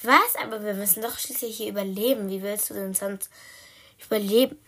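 A woman's voice: medium pitch, steady tone, a little fast, fairly bright tone. A woman voicing a restless female shelter cat who talks in a bossy, urgent way, in a storybook.

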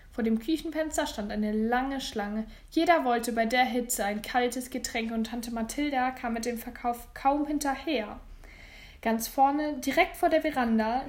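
Woman narrator, children's mystery audiobook, lively clear reading, fairly high voice.

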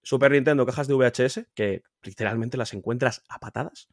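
A man's voice: brisk, no room sound. Emphatic Spanish man from Spain, dry close sound. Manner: emphatic, repeats words, swears freely; animated, pitch jumping up when insisting. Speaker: guest, video game collector. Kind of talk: casual podcast conversation.

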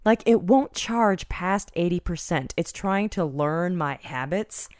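A woman's voice: fairly low pitch, animated, a little slow, darkish tone, dry recording, clean studio sound. A woman co-hosting a podcast in casual chat, with a wry, teasing manner. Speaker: podcast co-host.

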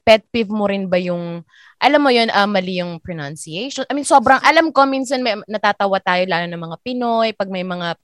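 A woman's voice: mid-range voice, expressive, moderate pace, dry recording, clean studio sound. A young woman hosting a casual Taglish podcast chat, chatty and laughing often. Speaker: podcast host.

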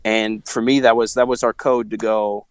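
A man from Missouri talks through his story in a low voice, circling back with fillers and restarts. His speech sounds dry and close, with no room around it. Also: little pitch movement, normal speed, smooth, dry recording. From Missouri, USA. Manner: reflective, rambling with many fillers and restarts. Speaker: interview guest. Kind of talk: casual faith-based conversation.

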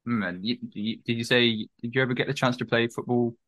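A man's voice: mid-range voice, fairly even intonation, fairly quick, a bit bright, no echo, lo-fi sound. A young man hosting a podcast, asking loose, rambling questions with many restarts. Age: young adult. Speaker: podcast host. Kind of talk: casual interview questions.

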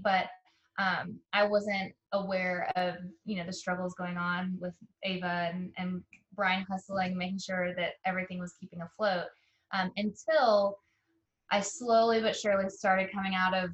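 A young woman, an interview guest, tells a personal story in a casual, earnest way, halting often with fillers and restarts. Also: mid-range voice, fairly bright tone, rough recording. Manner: emotional and earnest.

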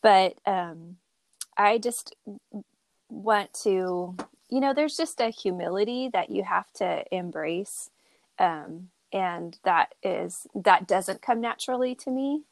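A woman's voice: mid-range voice, animated, takes it slowly, no room sound. A woman co-hosting a podcast, chatting candidly and laughing often. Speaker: podcast co-host. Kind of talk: casual podcast chat.

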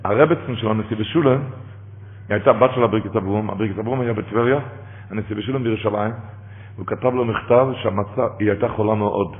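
A man preaching a sermon, moving between hushed storytelling and loud, impassioned outbursts, and chanting quoted verses slowly. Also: fairly low pitch. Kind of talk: sermon on scripture. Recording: tinny phone-like sound with long hall reverb.

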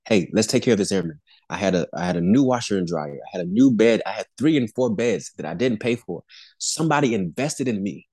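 Man, 40s, pastor and airman, deepish voice, earnest testimony, repeats and restarts, dry close sound. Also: animated, a little fast, mellow, dry recording. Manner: earnest preaching tone, many restarts and repeated words, chuckles between phrases. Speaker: pastor and Air Force airman, podcast guest. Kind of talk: candid faith testimony in a podcast conversation.

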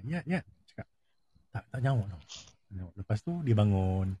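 A man telling a ghost story in casual chat. He repeats key phrases and drops into hushed tones at tense moments. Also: fairly low pitch, animated, measured pace, slightly rough.

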